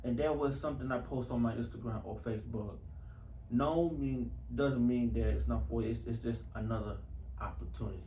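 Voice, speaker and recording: A man from Houston, US, an actor in an interview, speaks a little fast with a warm, medium-pitched voice. His manner is casual and earnest, with phrases repeated for emphasis. The room is echoey, with faint noise behind him.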